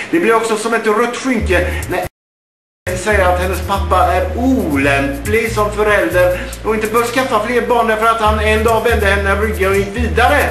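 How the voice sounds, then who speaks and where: Middle-aged guy venting his opinion into a webcam, earnest and a bit indignant, slightly high voice, music going in the back. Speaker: blogger. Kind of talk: opinion monologue to camera. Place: small indoor room. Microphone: webcam up close. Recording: roomy echo with background music. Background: background music.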